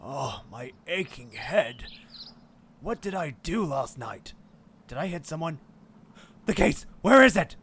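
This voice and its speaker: A man's voice: on the high side, big pitch swings, slow, long pauses, a bit bright, slight background noise, exaggerated voice. A man voicing a hard-drinking, roguish animal sea captain in an audio drama. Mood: hungover.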